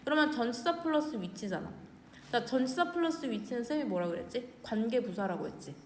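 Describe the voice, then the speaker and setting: A woman's voice: on the high side, lively intonation, a little mellow, a little hiss or hum. Korean woman teaching English in a reverberant room. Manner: casual, asks questions and answers them herself; reads English phrases slowly, then translates. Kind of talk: explaining an English exam passage line by line. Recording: roomy, reverberant with faint ambience.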